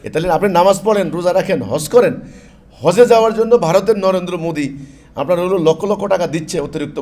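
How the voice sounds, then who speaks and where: A man's voice: fairly high pitch, a little mellow, slight background noise. Emphatic Bengali-speaking preacher man. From Bangladesh. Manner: emphatic, repeats phrases, mixes in English words. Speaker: Islamic preacher. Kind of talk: sermon-style religious talk.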